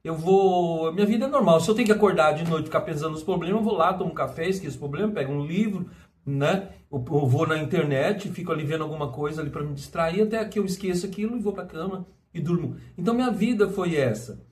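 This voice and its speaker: A man's voice: on the high side, fast. A middle-aged Brazilian man talking casually to camera, rambling with many restarts and tag questions. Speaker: vlogger. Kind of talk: casual personal monologue.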